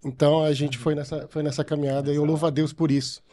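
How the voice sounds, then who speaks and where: Mellow-voiced man giving church testimony. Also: on the high side, little pitch movement, fast talker. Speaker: Sunday school coordinator. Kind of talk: casual testimony in a podcast interview.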